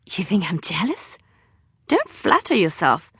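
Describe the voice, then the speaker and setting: A woman's voice: on the low side, huge pitch swings, unhurried, fairly bright tone, slightly rough, no echo, full character voice. Leliana, an earnest woman bard, close and dry. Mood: jealous, defensive. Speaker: voice actor in a fantasy role-playing game. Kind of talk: dramatic video game dialogue.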